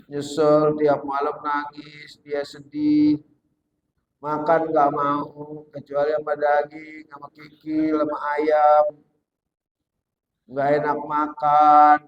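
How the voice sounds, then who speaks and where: A man's voice: a little high, slight background noise. A man preaching a sermon, mixing jokey everyday examples and slang with quoted Arabic. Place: gathering hall. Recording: roomy hall with faint ambience.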